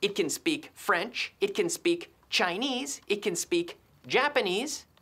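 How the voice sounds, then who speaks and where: A woman presenting an English lesson segment, playful, often laughing and repeating phrases slowly. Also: mid-range voice, lively intonation, fairly bright tone, husky. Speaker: English teacher.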